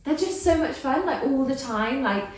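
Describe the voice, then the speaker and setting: A woman's voice: sits high, lively intonation, normal speed, slight background noise. A chatty, giggly woman hosting a casual podcast. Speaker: podcast host, bridal stylist. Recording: echoey room, distant from mic.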